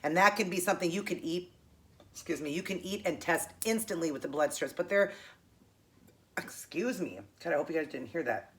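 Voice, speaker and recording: A middle-aged American woman with a tongue piercing, chatting casually to viewers while she eats. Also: on the low side. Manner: talking while eating, with pauses to chew. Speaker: host of a keto eating show.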